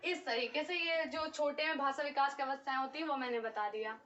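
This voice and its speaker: A woman's voice: high voice, fairly quick, fairly bright tone, slight background noise. A young woman teaching an exam-prep lesson, explaining step by step and checking in often with the class. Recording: dull, slightly distant recording.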